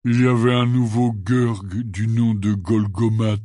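A man reading the part of a huge, gruff but kindly half-giant gamekeeper in an audiobook, telling his tale in a rambling, earnest way. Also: fairly low pitch, fairly even intonation, measured pace, mellow, no room sound, clean studio sound, close to an everyday voice. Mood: rueful.

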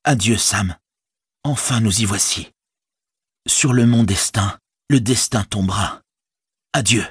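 A weary young hobbit speaks sternly and solemnly, as a man voices him for an audiobook. The tone is lifted above the reader's deep natural voice and keeps a husky grain. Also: takes it slowly, long pauses, no room sound, studio quality, exaggerated voice. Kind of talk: audiobook character voice.

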